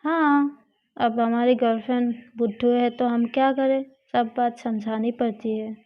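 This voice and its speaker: A woman voicing an affectionate young college woman who coaxes and pleads softly and slowly. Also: a little high, steady tone, close to an everyday voice. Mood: coaxing. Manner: coaxing, pleading. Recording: dull lo-fi recording.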